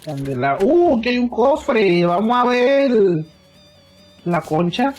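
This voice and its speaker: Male streamer, high-voiced and slow, hamming up a Dominican accent and swapping languages. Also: sing-song, darkish tone, soft background music. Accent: exaggerated Dominican Spanish. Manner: playful, switches between English and Spanish. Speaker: gaming streamer. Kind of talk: casual live-stream chat.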